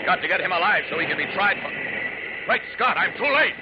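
A bold, defiant superhero taunts and exclaims in a high voice. It is vintage 1940s radio drama, buried in loud noise on a muffled recording. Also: male voice, expressive, brisk. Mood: urgent, battling.

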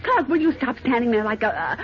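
A woman's voice: a little high, sing-song, a little fast. An actress playing a spirited, proper, assertive young lady in an old radio drama, speaking expressively. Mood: indignant. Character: spirited, indignant young lady, Lois Lane. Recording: muffled old radio recording.

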